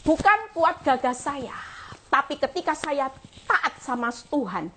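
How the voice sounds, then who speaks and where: High-voiced earnest woman evangelist preaching. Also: unhurried, slight background noise. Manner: addresses listeners as "saudara" repeatedly, drops soft and quiet at phrase ends; earnest, encouraging testimony, with lively bursts. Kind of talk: sermon shared on a livestream.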